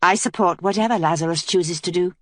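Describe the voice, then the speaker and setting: A woman's voice: on the low side, fairly quick, dry recording, studio quality, natural voice. Woman voicing a firm, earnest young queen.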